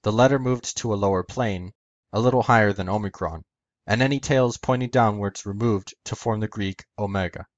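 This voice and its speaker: A man's voice: lowish voice, moderate pace, dry recording, lo-fi sound. A man hosting an educational video, narrating a methodical scripted explanation step by step.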